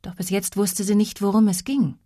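A woman narrating an audiobook in a steady, measured storytelling manner, close to the microphone. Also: mid-range voice, no room sound. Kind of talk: scripted narration.

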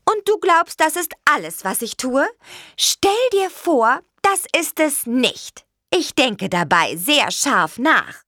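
A woman voicing a feisty young apple witch who speaks in high, indignant bursts. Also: big pitch swings, normal speed, few pauses, fairly bright tone, no echo, clean studio sound, heavily acted.

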